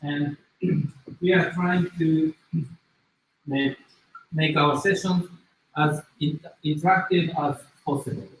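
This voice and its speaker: A business school lecturer, a native Japanese speaker with a Japanese accent, addresses a class in a deliberate, halting way, his voice fairly high and steady. He introduces himself and leads an interactive demo. The room is very echoey, the mic distant, with faint noise.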